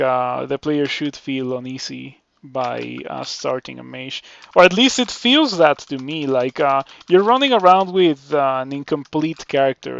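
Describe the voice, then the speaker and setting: A Mexican man whose first language is Spanish, speaking with a Mexican Spanish accent, calmly commentates a live game stream, thinking aloud with lots of fillers. His voice is medium-pitched and creaky, with the highs cut off.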